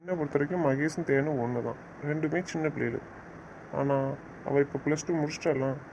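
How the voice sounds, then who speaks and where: A man acts in an audio drama as a stern but loving young husband, first scolding and lecturing, then coaxing. His voice is a little high and brisk, close to how he normally talks. The lo-fi recording sounds dull and has faint noise.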